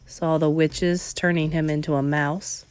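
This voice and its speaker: A woman reading aloud, voicing a firm, calm elderly grandmother who speaks low and measured. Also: clear, resonant tone, faint music behind. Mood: patient, firm.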